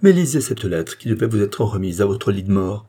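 A man's voice: fairly low pitch, sing-song, fairly quick, dark tone, breathy edge. A man voicing an anguished young noblewoman torn by forbidden love, in an audiobook reading, pleading and exclamatory. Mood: rapturous.

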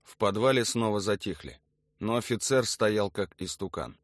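A male audiobook narrator reading a documentary book in an even, matter-of-fact way. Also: lowish voice, normal speed, no room sound, studio quality.

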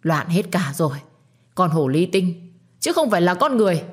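A woman's voice: fairly low pitch, sing-song, normal speed. A woman voicing a domineering middle-aged mother in a storybook reading, harsh and scolding. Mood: furious. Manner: scolding, shouting.

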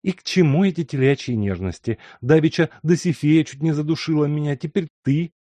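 A man's voice: fairly high pitch, fairly quick, warm tone, no room sound, voice pushed up, close to an everyday voice. A cool young woman as a male narrator voices her, curt and displeased. Her lines are short and clipped. Dry, close sound. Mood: annoyed.

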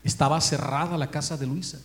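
A man with a Mexican accent giving a religious talk, telling a story in a lively way and acting out the people he quotes. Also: on the high side, fairly quick, reverberant. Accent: Mexican Spanish.

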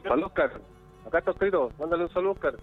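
A man from northern Chile with a Chilean accent, a musician calling in as a guest, chatting casually with pauses and fillers over a bad internet connection that keeps cutting out. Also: a little high. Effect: choppy internet call audio that cuts out. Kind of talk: casual chat over a call. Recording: tinny phone-like call line with faint music.

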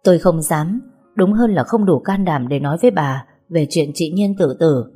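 A woman narrating a first-person novel as an audiobook, in a measured, somber reading. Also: sits low, dark tone, husky, faint music behind.

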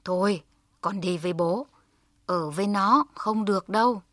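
A protective tiger father who speaks with gruff tenderness, as a woman storyteller puts him on. His slow, measured voice is dry and close. He sounds firm but never cruel. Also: medium pitch, dry recording, lightly acted. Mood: stern. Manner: stern, protective.

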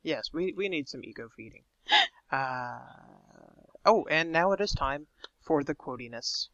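Podcast host, male, bright tense voice, dry lo-fi sound, chatty and halting. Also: a little high, lively intonation, no room sound. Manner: chatty, repeats words while thinking. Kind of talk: casual chat.

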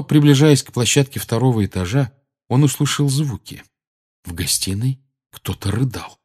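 A man reading a fantasy novel aloud, dramatic and expressive. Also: medium pitch, breathy edge. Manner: dramatic, rising and dropping with the tension. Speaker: audiobook narrator. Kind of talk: expressive audiobook narration.

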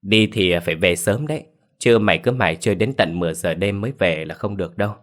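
A gentle rural mother, read by a deep-voiced male storyteller, warns her daughter softly. Her tone stays mild and caring. The character comes from a narrated ghost story. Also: quick pace, lightly acted. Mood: admonishing. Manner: mild, admonishing.

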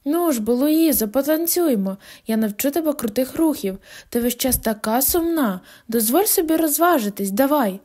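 A woman voicing a tipsy, restless sixteen-year-old girl in an audiobook, speaking loudly and pleadingly with a giggly edge. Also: high voice, lively intonation, normal speed, hardly any pauses, pitched above the performer's own voice. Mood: tipsy, giddy. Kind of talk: audiobook character voice.

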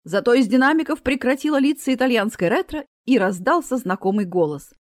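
A woman narrating an audiobook story in an expressive, playful way. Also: on the high side, brisk, no echo, clean studio sound.

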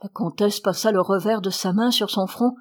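Brief: female audiobook narrator, measured literary reading. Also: mid-range voice. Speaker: audiobook reader.

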